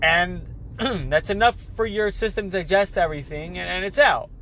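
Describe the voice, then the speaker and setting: A man with a cold speaks in a high-pitched, nasal, congested voice at normal speed, with a fairly bright tone and a little hiss or hum. He's a podcast host chatting casually solo, rambling, stumbling, and repeating words as he restarts sentences.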